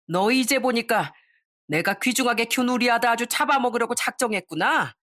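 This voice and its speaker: A woman voicing a domineering older mother-in-law who yells and scolds in a raised, high voice. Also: expressive, normal speed. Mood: furious. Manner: yelling, scolding.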